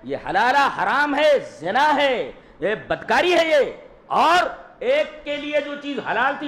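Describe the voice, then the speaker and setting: Emphatic, lively-voiced male Islamic scholar. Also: sits high, echoey room, slight background noise, poor audio. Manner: emphatic, asks and answers his own questions. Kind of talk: religious lecture on family law.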